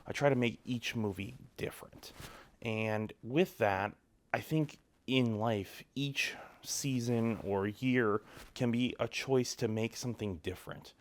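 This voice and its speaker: A young man talking to camera in a cold home garage, giving relaxed, rambling advice with lots of ums and likes. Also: medium pitch. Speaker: vlogger. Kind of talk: casual advice talk to camera.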